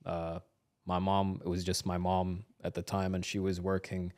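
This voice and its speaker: A man of about thirty, born in Iraq and raised in New Zealand, is not an English speaker and talks casually and hesitantly as an interview guest, recounting his life. His voice is low and darkish, with a completely flat delivery at a moderate pace.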